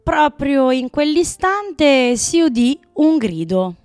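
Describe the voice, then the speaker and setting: A woman narrating a children's story in a gentle, measured manner. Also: high voice, very animated, no echo.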